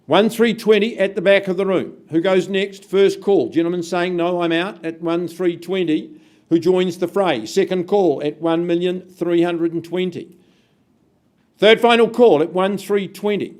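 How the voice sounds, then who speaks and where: A man's voice: high voice, fairly even intonation, moderate pace, darkish tone. A New man calling an auction, chatty and teasing the bidders between calls. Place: auction room.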